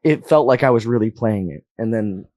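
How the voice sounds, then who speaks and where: A man's voice: on the low side, lively intonation, moderate pace, darkish tone, dry recording. A young man from Las Vegas, telling stories as a guest musician in a casual interview, with a rambling, filler-heavy way of talking. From Las Vegas, USA. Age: young adult.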